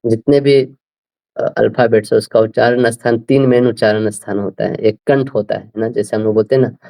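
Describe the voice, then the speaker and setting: A man explaining scripture to a class, slowly working through speech sounds and often asking his listeners whether they follow. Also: mid-range voice, steady tone, creaky, dark tone, poor audio. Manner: slow, repeats "right?" often, spells out sounds. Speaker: scripture teacher.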